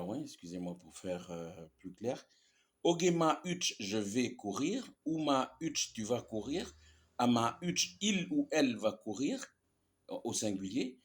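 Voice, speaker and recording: At an unhurried pace, a male language teacher works through grammar examples, repeating and slowly drawing out each word. His pitch moves around a lot as he stresses examples, and he's patient, using many fillers and frequent "ok?" checks.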